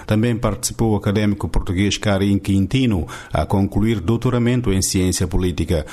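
A male reporter narrates a scripted radio piece. His pitch is on the low side. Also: fairly quick, mellow.

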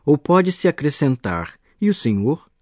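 A man's voice: a little high, sing-song, unhurried, darkish tone, no room sound. A man acting as a teacher, patiently explaining grammar in a scripted radio lesson. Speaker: language teacher.

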